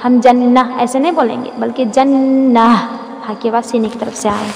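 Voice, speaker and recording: High-voiced woman teaching recitation, echoey room. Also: steady tone, vocal fry, warm tone. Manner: patient and explanatory, with drawn-out reciting of example words. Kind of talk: tajweed lesson with demonstrations. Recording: echoey room with long reverb.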